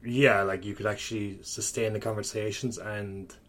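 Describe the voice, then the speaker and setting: A man's voice: fairly low pitch, flat delivery, moderate pace, a bit bright. A thirty-year-old man with a strong Kerry accent from the west of Ireland, chatting candidly and ramblingly as a coach on a podcast. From County Kerry, Ireland. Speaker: podcast guest, sports coach. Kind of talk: casual podcast conversation.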